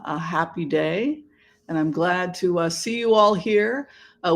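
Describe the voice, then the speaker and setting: A livestream host with a mid-pitched voice talks casually to an online audience. The delivery is camp and theatrical, with drawn-out words and halting phrases. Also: slight background noise. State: allergies, occasional throat clearing. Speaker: livestream host and tarot reader. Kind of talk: casual livestream chat, greeting viewers.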